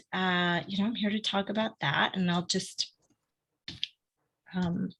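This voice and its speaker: Bright-voiced woman giving a video-call talk. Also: mid-range voice. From Argentina. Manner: upbeat and conversational, frequent "um"s. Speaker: guest speaker, advocacy field director. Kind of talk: informal presentation on a video call.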